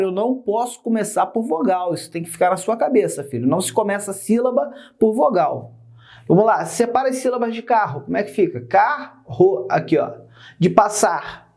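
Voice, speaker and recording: Brazilian guy teaching grammar, high voice with lots of fry, joking around with the viewer. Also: a little mellow. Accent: Brazilian Portuguese. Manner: playful, chatty, calls viewer "filho". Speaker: Portuguese teacher. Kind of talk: energetic video lesson.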